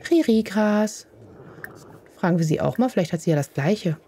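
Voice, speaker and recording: Mellow woman cooing over game animals. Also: medium pitch, expressive, normal speed, slight background noise. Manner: coos fondly at her game animals. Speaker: let's play host. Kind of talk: casual gaming commentary.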